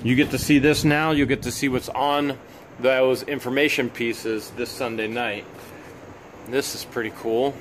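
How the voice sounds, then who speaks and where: Casual unboxing narration comes from a male US vlogger who resells storage unit finds. His relaxed, slow delivery is punctuated by excitable high-pitched outbursts, and faint hiss is audible behind him.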